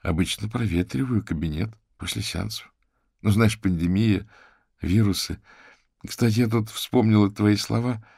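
Male reader as a composed woman therapist in an audiobook, measured, dry sound. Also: lowish voice, creaky, a little mellow, slightly rough, no echo. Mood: evasive. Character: composed adult woman therapist, calm and evasive.

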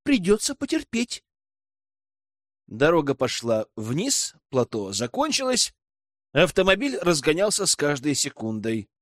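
A man reads a fantasy tale aloud with lively, expressive pitch. His voice sits a little high for a man. The recording is dry and close. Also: measured pace, dry recording. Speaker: narrator. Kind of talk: audiobook narration.

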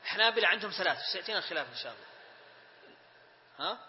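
High-voiced teacher quizzing students. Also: male voice, very animated, rapid-fire, slight background noise. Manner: drills lists, prompting students with short questions. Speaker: teacher of Islamic inheritance law. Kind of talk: classroom lesson with student quizzing. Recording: reverberant room, dull lo-fi sound.

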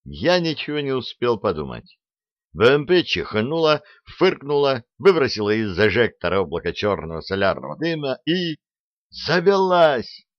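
A man reading a first-person audiobook as narrator, telling it in a lively, expressive way. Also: medium pitch, normal speed, no room sound, highs cut off.

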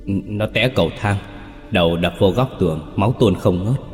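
A man's voice: low-pitched, normal speed, in a large hall, faint music behind, natural voice. A man voicing a frantic village woman who pleads desperately for help.

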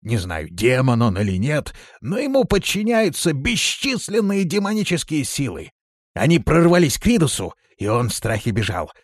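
A man's voice: medium pitch, huge pitch swings, normal speed, no echo, clean studio sound, voice pushed up. A man voicing a boastful, whining, cowardly male creature in an audiobook.

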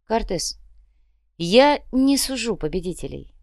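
A woman voicing a stern male commissar who speaks slowly and with measured displeasure. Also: mid-range voice, big pitch swings, gravelly, darkish tone, no echo, studio quality, pitched above the performer's own voice. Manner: slow and measured.

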